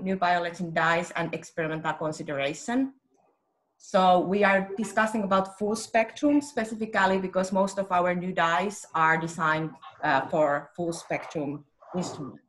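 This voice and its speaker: A woman's voice: lowish voice, steady tone, moderate pace. A woman with a Finnish accent, a technical application scientist giving a webinar presentation, explaining steadily with frequent "uh"s and small self-corrections. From Finland.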